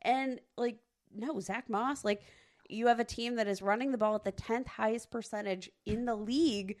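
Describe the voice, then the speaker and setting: A woman's voice: a little high, moderate pace. Emphatic, teasing woman podcaster. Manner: emphatic and teasing, many "like" fillers. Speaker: podcast co-host. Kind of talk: casual sports podcast chat.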